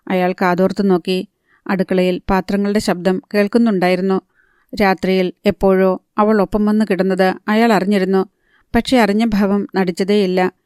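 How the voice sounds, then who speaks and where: A woman narrating an audiobook novel in a calm, steady reading voice. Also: mid-range voice, clean tone, no echo, studio quality. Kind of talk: scripted narration.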